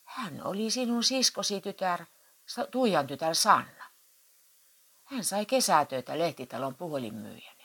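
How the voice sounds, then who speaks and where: A patient, mild-mannered wife who speaks calmly and evenly, voiced by a woman reading a story. The voice sits low and gentle. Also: slightly rough, heavily acted. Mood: earnest. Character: patient soft-spoken wife.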